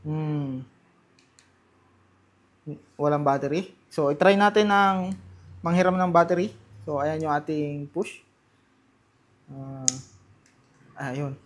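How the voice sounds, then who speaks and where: Speaking slowly and pausing often, a Filipino vlogger with a slightly high voice does casual unboxing and testing commentary. He talks informally to his viewers, mixing Tagalog with English, and there is slight background noise.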